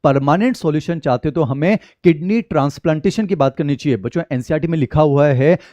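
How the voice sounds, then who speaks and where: A man's voice: fairly high pitch, fast talker, mellow, dry recording. A man teaching biology in an exam-prep lecture with an Indian accent, often calling his students children and mixing Hindi with English terms.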